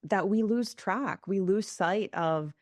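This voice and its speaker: A woman's voice: mid-range voice, slow pace, a little mellow, no room sound, studio quality. A woman hosting a podcast conversation, earnest and musing, asking open, searching questions. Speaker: podcast host.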